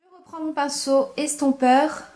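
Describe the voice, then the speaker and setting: A woman's voice: high voice, flat delivery, a little slow, darkish tone. Chatty French-speaking woman doing makeup. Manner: enthusiastic, repeats words for emphasis; frequent hesitations with "euh". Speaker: beauty vlogger. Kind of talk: makeup tutorial.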